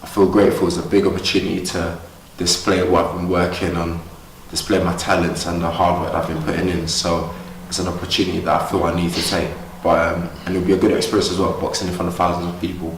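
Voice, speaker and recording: Young guy from ghana, deep voice, upbeat, echoey gym, sounds a bit away from the mic. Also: level tone, fast talker, distant mic, a little hiss or hum. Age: young adult. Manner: earnest, upbeat, talks freely. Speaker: boxer, interview guest. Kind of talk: casual interview. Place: boxing gym.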